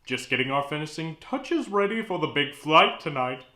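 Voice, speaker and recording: A man's voice: on the high side, lively intonation, normal speed, sharp tone, echoey room. A man playing a jolly, blunt, boastful old Father Christmas in a comedic horror host interview. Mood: jolly, teasing. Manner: jolly chuckling, speaks of himself grandly.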